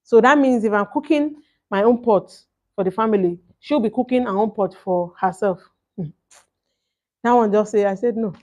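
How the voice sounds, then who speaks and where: A woman's voice: mid-range voice, moderate pace, long pauses, a little mellow. A woman in her thirties with a Nigerian accent vlogs a personal story in casual, emphatic talk, slipping between English and Pidgin and acting out what was said. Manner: emphatic, acts out reported exchanges. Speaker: vlogger telling a personal story.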